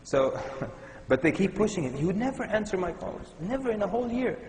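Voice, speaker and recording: A man's voice: sits high, very animated, fairly quick, darkish tone. A man from Sudan giving a conversational, humorous Islamic lecture to a live audience. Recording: echoey hall with long reverb.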